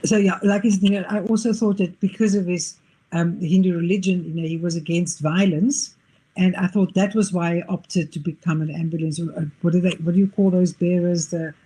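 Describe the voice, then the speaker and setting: Low, mellow woman interviewer. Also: steady tone, brisk, husky, low-quality recording. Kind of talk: casual conversational interview.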